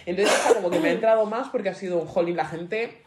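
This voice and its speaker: A woman's voice: medium pitch, background noise. A young woman co-hosting a casual podcast chat, playful and joking. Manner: playful, joking, quick to laugh. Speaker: podcast co-host. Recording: echoey room.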